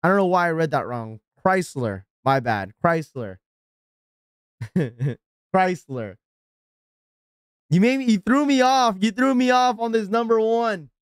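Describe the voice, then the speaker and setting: Guy ranting on his live stream, smooth clean voice, dry close sound, keeps shouting out subs. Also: high voice, lively intonation, a little slow, pauses often, no echo. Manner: ranting, exasperated, shouts out subscribers. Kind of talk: live stream reacting and chatting with viewers.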